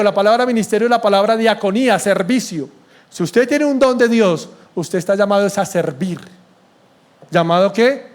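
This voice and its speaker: A male pastor preaching a sermon in church, emphatic and blunt, often throwing questions at the congregation. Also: high voice. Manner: blunt and sarcastic.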